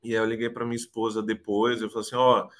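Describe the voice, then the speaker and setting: A man's voice: fairly low pitch, monotone, very fast. A man in his thirties from Brazil, talking casually in an interview over a video call, hesitant, often repeating words and adding tag questions. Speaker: interviewee, immigration client.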